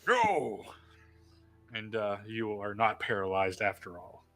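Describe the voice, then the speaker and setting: A man narrating and running a tabletop game as game master, relaxed and halting, often laughing. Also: fairly low pitch, soft background music.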